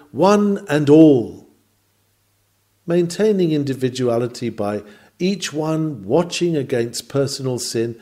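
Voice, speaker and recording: Reading from a prepared sermon, this man has a mellow voice pitched toward the higher side. His manner is sincere and exhortative, built on sweeping rhetorical delivery.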